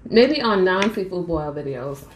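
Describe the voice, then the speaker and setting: A woman's voice: on the low side, expressive, measured pace, reverberant, slight background noise. Chatty woman eating on camera. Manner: chatty, addresses viewers as y'all, eats between sentences. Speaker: mukbang vlogger. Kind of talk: casual eating vlog chat. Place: small room at home, indoors.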